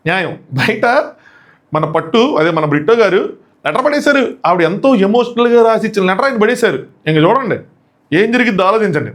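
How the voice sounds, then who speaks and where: A man hosting a casual comic review, mocking and excitable with slangy asides. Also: high-pitched, a little fast. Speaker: show reviewer and host.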